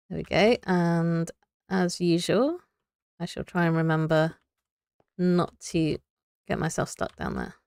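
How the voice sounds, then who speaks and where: A woman's voice: fairly low pitch, gravelly, no echo, studio quality. A young woman streaming a building game, chatting to viewers and thinking aloud as she builds, laughing often. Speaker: Minecraft streamer. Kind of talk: casual live gameplay chat.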